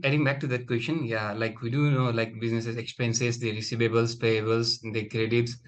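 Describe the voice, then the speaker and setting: A young man pitches his startup in an earnest, matter-of-fact way. His voice sits at an ordinary pitch for a man, heard over a video call. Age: young adult.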